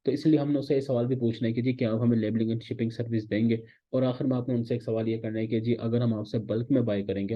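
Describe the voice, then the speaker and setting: A man's voice: on the low side, highs cut off. A man teaching a recorded online lecture, explaining step by step and checking in with "theek hai" again and again. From Pakistan. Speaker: course instructor.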